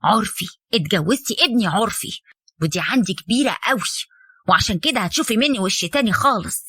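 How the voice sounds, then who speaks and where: A woman's voice: medium pitch, expressive, fast, sharp tone, breathy edge, no echo, voice pushed down. A woman voicing a stern, weary mother-in-law who lectures her son's young wife, in Egyptian Arabic. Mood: harsh. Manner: firm, lecturing, bitter.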